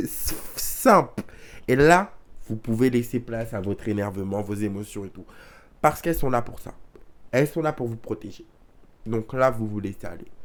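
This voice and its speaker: A man talks straight to his viewers, giving life advice in an emphatic, commanding way. His voice sits at an ordinary middle pitch. He presses his points with repeated short instructions. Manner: emphatic, addresses the audience directly with commands; acts out example dialogues in quotes. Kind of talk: direct advice monologue to viewers.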